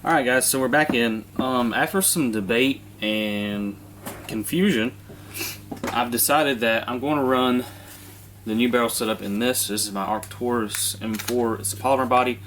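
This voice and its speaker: A congested man walks through a build step by step indoors, relaxed and casual. His voice sits at a middle pitch. Faint room noise hums behind him. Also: normal speed. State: congested from a sinus infection. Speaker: airsoft video host. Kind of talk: hands-on how-to demonstration.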